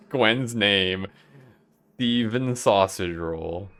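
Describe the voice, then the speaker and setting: A man's voice: on the low side, very slow, a bit bright. A young man streaming a video game, chatting casually in a rambling, profane way and chuckling often. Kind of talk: casual chat while playing a game live.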